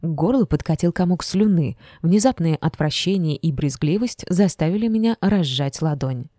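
Female audiobook narrator, expressive first-person reading, low-ish pitch, dry close recording. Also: moderate pace, dry recording. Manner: expressive storytelling.

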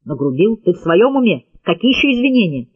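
A man's voice: sits high, sing-song, fairly quick, breathy edge, no room sound, phone-quality sound, full character voice. A male audiobook reader voices an injured scientist who is shaken.

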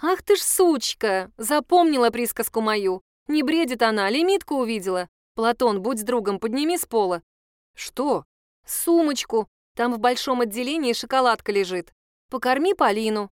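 A woman's voice: a little high, lively intonation, normal speed, smooth, no room sound, studio quality, close to an everyday voice. A woman voicing a brash, foul-mouthed young woman who is sarcastic and bossy. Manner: crude, mocking, bossy.

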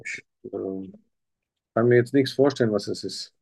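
This simulated patient, a man in a practice doctor interview, talks haltingly while searching for what to say. His voice sits on the low side with a darkish tone and vocal fry, delivered at normal speed.

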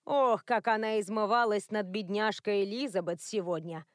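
A woman's voice: mid-range voice, normal speed, no room sound, studio quality, natural voice. A woman reading the part of a bossy, caring older secretary who scolds and teases. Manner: scolding, teasing.

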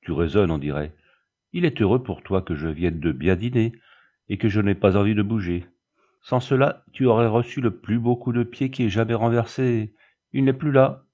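A man's voice: on the low side, moderate pace, warm tone, dull audio, lightly acted. A man voicing a brutal, coarse man of about thirty-five who bullies and threatens. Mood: impatient, menacing. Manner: bullying, threatening.

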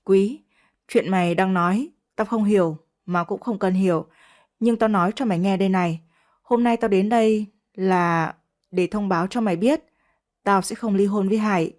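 A woman's voice: medium pitch, moderate pace, darkish tone, natural voice. A woman reading a cold, taunting young wife. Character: proud, sharp-tongued young wife, defiant.

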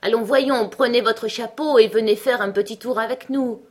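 A woman's voice: on the high side, moderate pace, a little mellow, voice pushed up, close to an everyday voice. A woman reading the part of a worried but good-humoured male lawyer in an audiobook, coaxing and eager.

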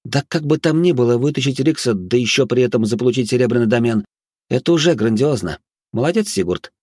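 A man's voice: medium pitch, lively intonation, quick pace, a little mellow, husky, dry recording, studio quality, pitched above the performer's own voice. A man voicing a supportive young woman in an audiobook. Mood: encouraging. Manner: encouraging.

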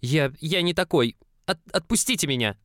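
A man's voice: mid-range voice, a little fast, dry recording, clean studio sound, voice pushed up, natural voice. A man voicing a clumsy, flustered nineteen-year-old young man in an audiobook, stammering and pleading. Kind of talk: audiobook character voice.

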